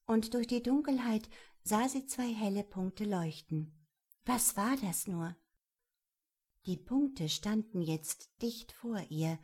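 A woman narrating a children's storybook in a measured, gentle storytelling manner. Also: mid-range voice, breathy edge. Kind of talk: storybook reading.

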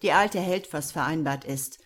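A woman's voice: low-pitched, normal speed, a bit bright. A woman reading the lines of a smug male chauffeur turned scheming manager in a crime story.

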